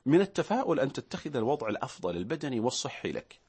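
A man speaks as a guest on a talk show, his voice slightly husky. He talks fast and with a lively, swinging pitch. He counts off points one by one and acts out short example voices. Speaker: guest expert. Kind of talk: studio talk show discussion.

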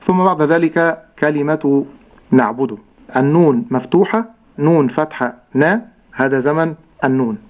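A man teaching correct Quran recitation, slowly sounding out each syllable and contrasting right and wrong pronunciation. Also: a little high, highs cut off. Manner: slow, deliberate, models sounds syllable by syllable. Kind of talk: tajweed pronunciation lesson.

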